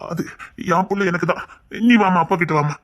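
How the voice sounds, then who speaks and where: A man performing a comic family skit in a loud, bossy and dramatic way. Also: sits high, fairly even intonation, a little fast.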